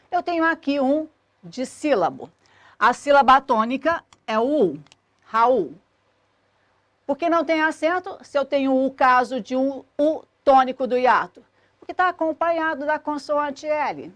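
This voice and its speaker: A woman, explaining a grammar lesson clearly and methodically as a teacher. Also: sits high, fairly bright tone, no echo.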